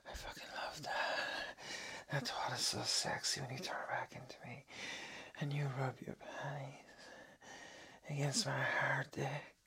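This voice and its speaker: A man murmuring close and slow, mostly in a breathy whisper, his lingering phrases slipping into a gravelly fry. Under the husky air the tone stays sharp and bright. It is an unhurried, intimate monologue. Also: mid-range voice.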